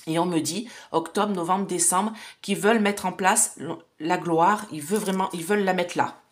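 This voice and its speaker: Low-voiced woman in her 40s doing a chatty card reading, talks right to viewers, lots of hesitating. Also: moderate pace. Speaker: psychic card reader. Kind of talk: casual oracle card reading to camera.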